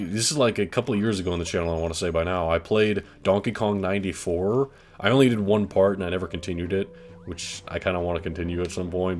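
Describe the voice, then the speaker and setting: A man giving casual, rambling let's play commentary on a video game, in a conversational way full of asides. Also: sits low. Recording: game music behind the voice. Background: video game music.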